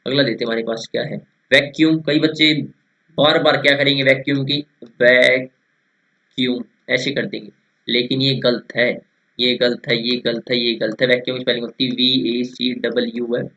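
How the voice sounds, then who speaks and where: A young man drills spellings for an exam-prep class. His voice sits at an ordinary middle pitch, and he keeps repeating words and asking his students rhetorical questions. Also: fairly even intonation, moderate pace, sharp tone, dull audio. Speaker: teacher.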